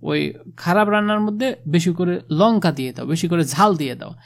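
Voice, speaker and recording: A man teaching a literature lesson to students in a casual, conversational way, often pausing to affirm his points. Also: sits high, creaky. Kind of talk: explaining a literature text to students.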